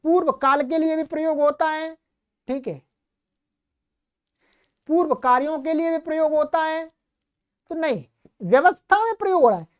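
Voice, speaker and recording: A woman with a high-pitched voice gives a recorded Sanskrit grammar lecture. She explains patiently and steadily. She keeps posing questions to the class and then answering them herself. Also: animated, moderate pace, long pauses.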